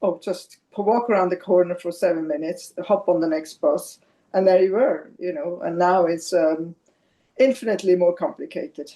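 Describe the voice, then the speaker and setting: An older woman from Switzerland talks with a podcast host about her life. Her voice is mellow and dark-toned, and she pauses on fillers as she gathers her thoughts. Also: on the low side. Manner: chatty, with hesitant fillers. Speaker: podcast guest. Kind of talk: casual interview chat.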